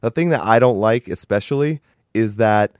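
A man's voice: lowish voice, expressive, moderate pace, no echo. A young adult man hosting a podcast in casual chat, congested from sinus trouble, with a dry, self-mocking humor. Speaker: podcast host.

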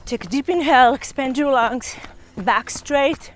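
A woman with a slightly high voice coaches a runner on a hilly outdoor trail, keeping up a steady stream of encouraging, instructive tips. A faint hiss sits under her voice. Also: measured pace. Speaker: running coach. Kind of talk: coaching on the run.

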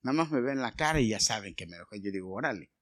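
A middle-aged man with a Mexican Spanish accent preaching a sermon, retelling a Bible story, going from hushed asides to loud bursts. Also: fairly low pitch, lively intonation. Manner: storytelling with many pauses, swings from hushed to loud.

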